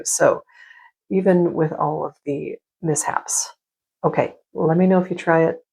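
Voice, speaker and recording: A painting instructor hosts a watercolor tutorial in a casual, chatty manner, rambling, self-deprecating, and a bit scattered. Her slightly husky, creaky voice is on the low side with a darkish tone, and the audio is poor.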